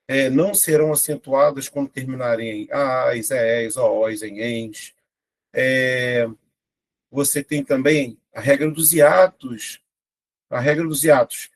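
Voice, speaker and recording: A young adult man with a Brazilian Portuguese accent, teaching an online exam-prep grammar lesson and talking straight to his students. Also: mid-range voice. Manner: lively, talks to students directly with frequent "né?".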